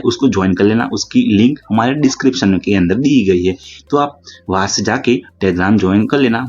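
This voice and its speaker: Husky-voiced male grammar teacher. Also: mid-range voice, a little mellow. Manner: repeats "dekhiye" often, slows to read English rules aloud. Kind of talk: explaining lesson with notes. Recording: dull lo-fi audio with faint music.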